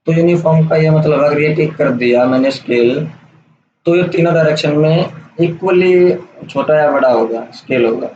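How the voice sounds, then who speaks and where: Guy explaining software stuff step by step, roomy dull lo-fi sound, bit of hiss. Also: a little high, moderate pace. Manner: casual, explains step by step with "theek hai" checks. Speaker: software tutor. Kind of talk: screen-recorded software tutorial.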